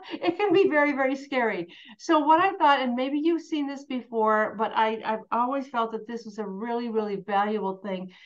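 A woman's voice: on the high side, normal speed. A woman leading a team meeting in a chatty, candid way, acting out the doubts people tell themselves. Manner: chatty and candid, acts out inner self-talk. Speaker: sales team leader. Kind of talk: motivational team meeting talk. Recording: dull lo-fi sound.

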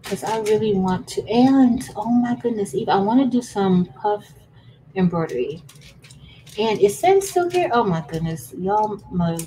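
This craft livestreamer, a woman in her thirties, talks with viewers from a home craft table while she works, full of laughs and "y'all." She has a mid-range, warm voice with lively intonation and a measured pace, though the audio is poor and carries slight background noise.

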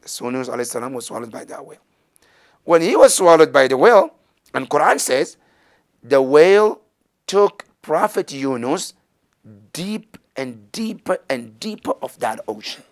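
Here the man's pitch sits fairly high and his delivery is very animated, though his pace stays moderate. He's a middle-aged teacher telling a religious tale with gestures and character voices, miked on his lapel in a compact indoor studio with banners.

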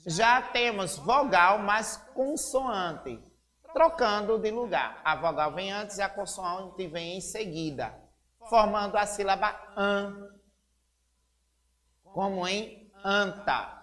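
A woman teacher with a Brazilian accent giving a slow, deliberate literacy lesson, spelling out syllables. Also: mid-range voice, fairly bright tone, long reverb tail. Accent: Brazilian Portuguese.

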